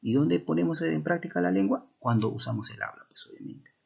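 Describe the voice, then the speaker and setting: A man's voice: fairly high pitch, lively intonation, a little fast, vocal fry, darkish tone, slightly rough, dull audio. A man teaches a language class, explaining step by step and often checking in with rhetorical questions.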